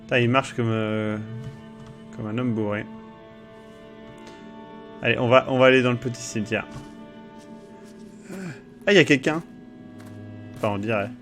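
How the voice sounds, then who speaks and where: A man's voice: medium pitch, normal speed, long pauses, fairly bright tone, faint music behind. Chatty young man streaming a game. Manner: chatty, swears often, reads text aloud. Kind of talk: casual live-stream commentary.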